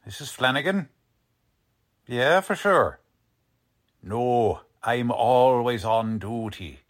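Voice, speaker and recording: This man, voicing a cocky and folksy police lieutenant for a 1940s-style radio drama, has a medium-pitched, expressive voice and speaks slowly. His talk is slangy and ungrammatical, tough-guy fashion, with a grave, businesslike mood.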